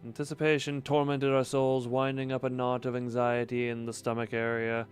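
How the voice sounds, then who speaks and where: A man plays through a story game and reads it out loud. His voice is mid-pitched, with dramatic narration broken by joking asides, over soft music. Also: monotone, normal speed. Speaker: game player reading dialogue aloud.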